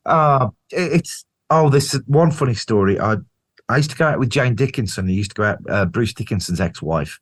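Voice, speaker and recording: A middle-aged British man, a band singer appearing as a guest, tells road stories in a casual interview. He's an animated storyteller with a British English accent who swears freely and acts out what people said. His voice is medium-pitched and fairly quick.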